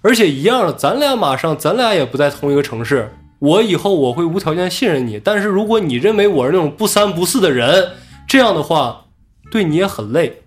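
A man casually telling a story from his own life on a podcast, animated and acting out what others said. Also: a little high, a little fast, faint music behind. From Inner Mongolia.

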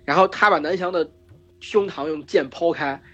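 Hoarse male podcast host, higher voice, rambling storytelling, dull lo-fi sound, faint music. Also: moderate pace, sharp tone. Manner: rambling with many fillers and restarts. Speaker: podcast host retelling myths. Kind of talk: casual storytelling chat.

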